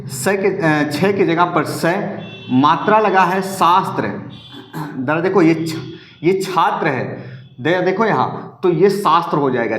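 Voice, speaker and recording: A man teaching Hindi grammar for exam prep, in a fairly high voice that rings around an echoey room. He explains step by step, repeating each rule and talking straight to his students. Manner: repeats and drills rules, addresses viewers as students.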